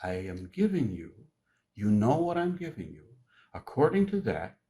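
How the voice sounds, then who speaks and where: A man preaching a sermon in a conversational teaching style, joking with the congregation and slowing down to stress key words. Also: lowish voice, very animated, dark tone.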